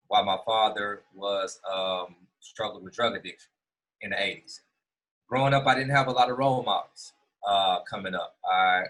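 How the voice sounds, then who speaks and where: A man's voice: lowish voice, sharp tone, breathy edge, low-quality recording. A middle-aged man from Houston, giving an earnest motivational keynote speech with frequent fillers and restarts. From Houston, Texas. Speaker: keynote speaker.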